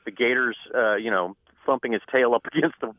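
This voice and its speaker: A man who is a journalist and author, guest on a radio interview, an animated storyteller who laughs often. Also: medium pitch, fairly quick, dry recording, narrow, tinny audio.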